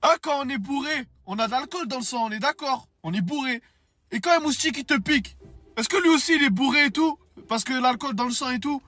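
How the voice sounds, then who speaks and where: Sounding puzzled, a man with an extremely high, bright, forceful voice talks a little fast as he plays a dim-witted young man, rambling through silly questions in street slang.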